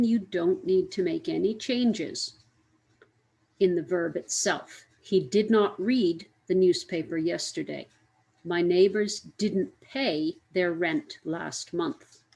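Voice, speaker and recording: A woman's voice: lowish voice, gravelly, a little mellow, low-quality recording. A woman teaching an English grammar lesson, speaking carefully, spelling out letters and repeating each example.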